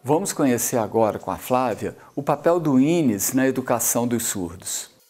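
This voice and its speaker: A Brazilian man giving measured, explanatory documentary narration. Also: mid-range voice, expressive, a little mellow. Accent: Brazilian Portuguese.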